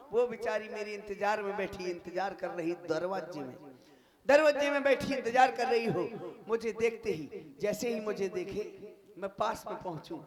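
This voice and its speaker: A man, singing and talking through a self-mocking comic lament about being unmarried on a folk stage. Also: high voice. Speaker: comedian in a folk stage show. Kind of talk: sung comic song and stage monologue. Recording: live stage show with loud music.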